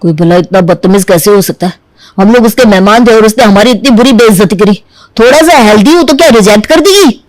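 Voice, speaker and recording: A man's voice: high voice, moderate pace, lightly acted, rough recording. A man voicing a stubborn, argumentative young man in a cartoon who insists on a slim bride. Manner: whiny, argumentative. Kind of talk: Hindi cartoon dubbing.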